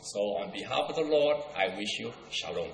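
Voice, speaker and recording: A man's voice: mid-range voice, animated, normal speed, vocal fry, slight background noise. A middle-aged man from Singapore with a Singaporean accent, preaching a sermon as a guest pastor, with light humor. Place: church hall. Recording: echoey church hall.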